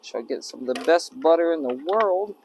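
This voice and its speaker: A man cooks dinner at an outdoor campsite and rambles to the camera, stopping to scold and praise his dog. His voice is gravelly and swings up and down a lot. Faint outdoor noise sits behind him. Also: fairly high pitch, animated, brisk. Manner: rambling, talks to his dog and jokes to himself. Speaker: camping vlogger. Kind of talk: casual talk to camera while cooking.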